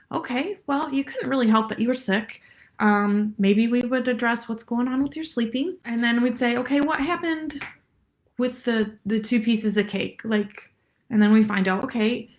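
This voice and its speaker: Chatty woman health coach. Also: fairly high pitch. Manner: chatty, addresses viewers directly, laughs often. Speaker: health coach and personal trainer. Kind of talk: casual motivational talk to camera.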